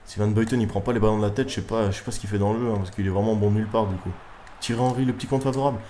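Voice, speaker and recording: Excitable young gamer, low voice. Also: male voice, racing, a little hiss or hum. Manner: excitable, swears at players, bursts of yelling. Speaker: gaming YouTuber. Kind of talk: live gameplay commentary. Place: room at home at night.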